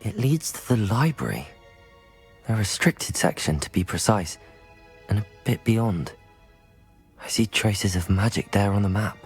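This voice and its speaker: An actor playing a polite, inquisitive young wizard student in a video game, speaking earnestly and in a measured way. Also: male voice, fairly low pitch, lively intonation, slightly rough, faint music behind, exaggerated voice. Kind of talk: cinematic video game acting.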